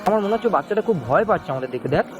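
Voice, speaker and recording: A man vlogging in the street, gently coaxing and soothing a small child while making emotional asides to a friend. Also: sits high, animated, rapid-fire, muffled recording. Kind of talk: street vlog talking to a child. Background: music.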